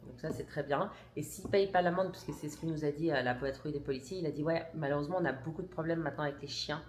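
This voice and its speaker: A woman with a fairly low voice tells her vlog audience a family story. She talks emphatically, full of indignation, with restarts and blunt words. Her voice carries a roomy echo. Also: fast talker, a little mellow. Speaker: family vlogger and mother. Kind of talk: casual storytelling to camera.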